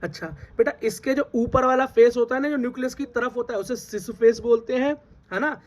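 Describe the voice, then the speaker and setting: A man's voice: very high voice, steady tone, a little fast. A man teaching a biology lesson, who calls his students "beta", asks them questions and repeats their answers. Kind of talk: classroom lecture. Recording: dull lo-fi recording.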